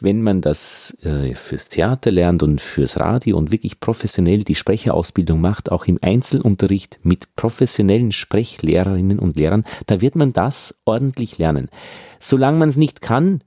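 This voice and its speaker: A man from Austria with an Austrian accent, giving a podcast pronunciation lesson as a speech trainer and demonstrating sounds slowly. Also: lowish voice, no room sound, studio quality. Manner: explains with lively emphasis, demonstrates sounds slowly.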